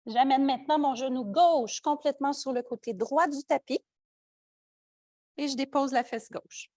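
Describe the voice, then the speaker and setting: A woman with a Quebec French accent, teaching a yoga class with calm step-by-step cues and light joking asides. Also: sits high, moderate pace, no room sound, clean studio sound. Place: yoga studio.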